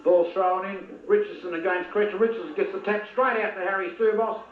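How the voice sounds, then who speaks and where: A man's voice: sits high, fairly even intonation, a little fast, a little hiss or hum. A man giving blunt, partisan commentary on an amateur football match, heckling players by name. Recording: tinny lo-fi old video with echo.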